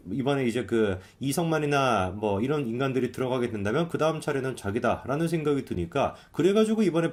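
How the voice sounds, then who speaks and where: Man, live-stream political commentator, sarcastic, emphatic, rapid delivery. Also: mid-range voice, darkish tone. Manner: sarcastic, emphatic, rhetorical questions.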